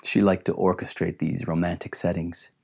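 A man narrating an audiobook in a measured, reflective way. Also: low voice, little pitch movement, gravelly, a little mellow. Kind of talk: scripted narration.

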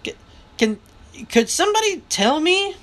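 A woman's voice: extremely high pitch, very animated, a little slow, pitched above the performer's own voice, heavily acted. A woman reading aloud, voicing an anxious teenage boy who stammers.

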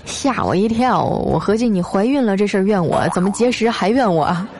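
A woman's voice: mid-range voice, expressive, brisk, darkish tone, faint music behind. A woman hosting a comedy talk show, telling jokes in a playful, teasing way. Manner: playful, teasing, acts out characters' lines. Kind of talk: scripted comedic storytelling.

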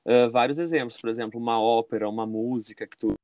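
A man talks in a casual podcast chat at a middle pitch. He winds through his points with fillers and restarts, and the sound is dry and close. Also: fairly even intonation, quick pace, a little mellow, no echo. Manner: explains with many fillers and restarts. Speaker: podcast guest.

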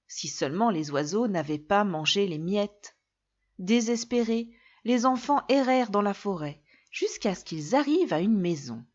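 A woman reads a fairy tale aloud in a clear, expressive storytelling style. Her pitch rises and falls a great deal as she narrates. The recording sounds dull and lo-fi. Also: moderate pace.

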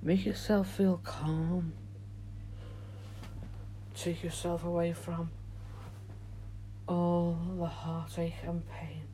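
A man speaks as a meditation guide, soft and hushed. His tone is mellow and relaxed, with very little rise and fall. He goes slowly and soothingly, leaving long gaps between phrases. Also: on the high side, slight background noise, poor audio. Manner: soothing, gentle, drawn-out delivery with long pauses. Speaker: podcast host and meditation guide.

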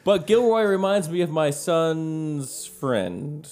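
Lively, higher-pitched man playing a game. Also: slow. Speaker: tabletop game player. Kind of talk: casual joking banter. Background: music.

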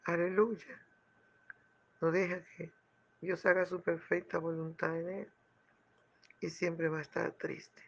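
Gravelly high-voiced preacher. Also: male voice, little pitch movement, takes it slowly, long pauses, dull audio. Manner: fervent, with hushed asides and loud exclamations. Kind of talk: sermon with a retold parable.

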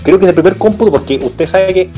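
Un hombre con acento chileno conversa de política en un pódcast, con muchas pausas y frases que se reinician. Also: male voice, high-pitched, warm tone, faint music behind. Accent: Chilean Spanish. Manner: rambling, many restarts and fillers. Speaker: political podcast co-host. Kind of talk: casual political chat.

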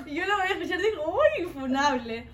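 A woman's voice: very high-pitched, expressive, a little fast, a bit bright, a little hiss or hum. A young woman, co-hosting a podcast in casual, teasing chat and laughing often. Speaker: podcast co-host.

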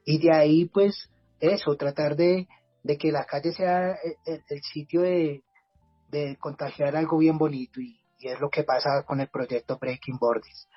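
A man from Bogotá with a Bogotá Colombian Spanish accent, a community project leader, gives an earnest, reflective personal testimony as a podcast guest, often restarting his words. His voice is on the high side, fairly even, unhurried, and breathy at the edges. The recording is muffled with no echo and soft background music.

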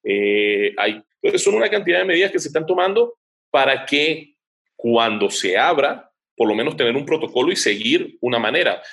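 A man's voice: medium pitch, lively intonation, moderate pace, vocal fry, a bit bright. A man speaking as an interview guest, an advertising director explaining his work at length, thinking aloud with frequent hesitations.

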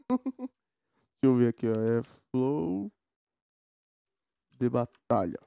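A man's voice: mid-range voice, huge pitch swings, very slow, creaky, warm tone, no room sound. A man, hosting a casual solo podcast and rambling in slang from topic to topic. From São Paulo, Brazil. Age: 20s. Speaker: podcast host. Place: home setup with a mechanical keyboard. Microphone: recorded through a sound card.

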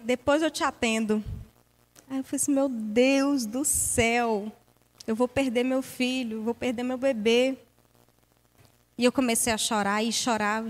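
A young woman shares a personal faith testimony in a high-pitched voice. She talks earnestly and with deep emotion, and her voice often drops soft and quiet.

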